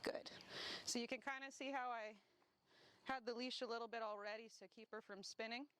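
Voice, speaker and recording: A woman dog trainer talking casually as she walks outdoors, explaining each step and breaking off to give quick praise and corrections. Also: a little high, fairly even intonation, a bit bright, clear, resonant tone. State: slightly winded from walking. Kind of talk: casual instructional talk while walking a dog. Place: outdoors on grass.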